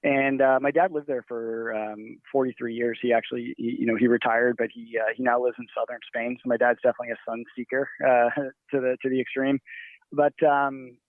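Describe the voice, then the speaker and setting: A man who grew up in Nigeria answers interview questions in a loose, rambling way, full of fillers and restarts. His voice is gravelly and sits at a middle pitch. It comes through a tinny, phone-like line. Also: flat delivery, a little fast, no room sound. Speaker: guest.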